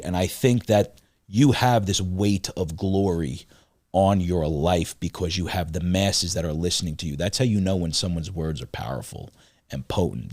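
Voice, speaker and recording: A man with a very deep voice hosts the conversation and answers his guest with affirming, preachy encouragement. The sound is dry and close, with nothing of the room in it. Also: a little mellow, no room sound. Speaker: podcast host. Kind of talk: casual interview chat.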